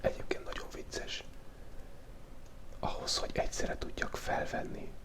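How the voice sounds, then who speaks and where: This is a whispered, playful ASMR sketching session from a Hungarian YouTube drawing channel host who has a cold. He jokes as he draws, and the small mic taped to his face picks him up at very close range.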